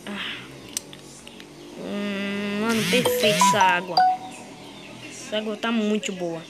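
A woman's voice: medium pitch, fairly even intonation, slow, loud music behind the voice, close to an everyday voice. A woman playing a young male green dinosaur on the run in a game, talking to himself in a chatty, slangy way. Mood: resting. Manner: chatty, slangy, talks to itself. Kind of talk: in-character game role-play.

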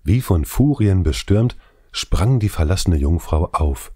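Man narrating an audiobook, slow solemn storytelling, very deep mellow voice, dry sound. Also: lively intonation, slightly rough, dry recording. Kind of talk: scripted narration.

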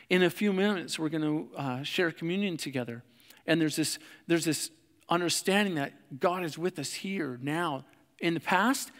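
A man preaching a sermon in a conversational way, with fillers and restarts, and slowing softly on reflective lines. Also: on the high side, long reverb tail. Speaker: pastor. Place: church sanctuary.

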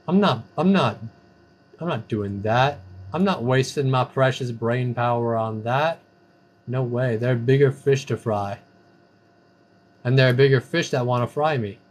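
A man streaming a casual online game, talking through the action in a loose, playful way. He slides into sing-song chants and goofy catchphrases between plays, his pitch sitting in a middle range. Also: a little slow. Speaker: gamer streamer. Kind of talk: casual gameplay commentary.

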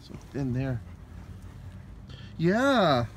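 A man filming a casual vlog indoors, talking in a high, sing-song baby voice to a dog. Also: sing-song, extremely slow, background noise. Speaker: vlogger.

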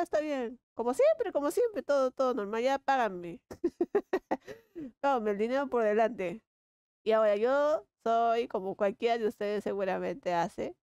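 A woman with a Peruvian accent chatting casually while she draws, lively and slangy, laughing often. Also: medium pitch, gravelly, clear, resonant tone, no room sound. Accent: Peruvian Spanish. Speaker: illustrator vlogger. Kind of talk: casual chat while drawing.

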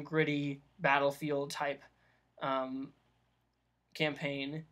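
A man's voice: a little high, a bit bright. A man hosting a vlog, explaining game ideas in a casual, rambling way with many ums and restarts. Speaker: vlog host giving dungeon master advice. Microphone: camera mic.

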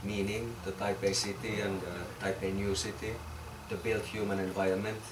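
Speaking in a low, flat voice, a hesitant Finnish architect walks a small group through his research project in an informal talk. He stumbles along with lots of fillers and repeated words. The camera mic sits far off in a small, crowded room, giving a roomy, distant, noisy sound.

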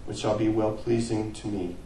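A man preaches a sermon with a dark, mellow voice. He rises to emphatic peaks, then falls quiet at the ends of phrases. The sound is roomy, with a faint hiss, and he is some way back from the microphone. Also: on the low side, steady tone, normal speed, distant mic. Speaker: pastor. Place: church sanctuary.

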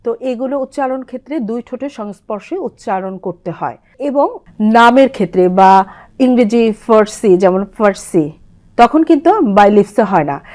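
A woman guest on a television language program, explaining pronunciation and slowly reciting short lines as examples. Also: a little high, darkish tone. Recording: television studio.

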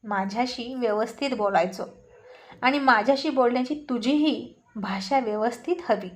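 A woman voicing a sharp young wife who fires pointed questions and lays down firm warnings. Her voice is fairly high and close to her own plain reading voice. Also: moderate pace, lightly acted. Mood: angry. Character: sharp-tongued young wife, demanding answers.

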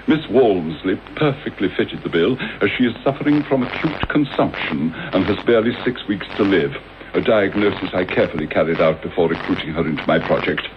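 Actor playing bitter, low-voiced English Doctor Watson. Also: male voice, natural voice. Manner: theatrical, sardonic, deliberate, articulate. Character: bitter, vengeful middle-aged English gentleman doctor gloating over captive. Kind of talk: 1980s British radio drama acting. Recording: dull, noisy old radio broadcast copy.

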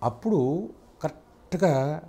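An older man, a film actor, recounting his career in a soft-spoken, casual interview manner, speeding up when he retells conversations. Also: a little high, lively intonation, slow, breathy edge.

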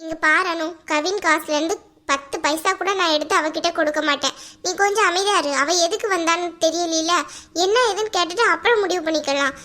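A woman voicing an older mother-in-law in an animated family drama, speaking firmly and soothingly. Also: extremely high pitch, brisk. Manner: firm, soothing.

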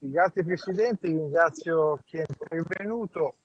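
A man in parliament speaking over a remote call line, asking a formal question at a hearing in a halting way with many fillers. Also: fairly high pitch, dry recording. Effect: heard over a remote call line. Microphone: remote call connection. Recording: dull lo-fi remote call audio.

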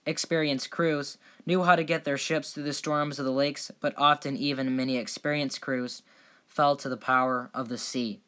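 A man's voice: medium pitch, fairly even intonation, moderate pace, bright, forceful tone. A man reading scripted documentary narration.

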